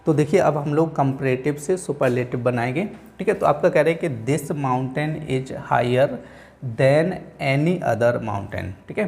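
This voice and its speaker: A man teaching English grammar in a Hindi-language class, with an Indian accent, who keeps repeating "theek hai" and slows down to read example sentences word by word. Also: medium pitch, gravelly, darkish tone. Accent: Indian English, Hindi-speaking. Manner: repeats "theek hai" and "aap log dhyan rakhen" often.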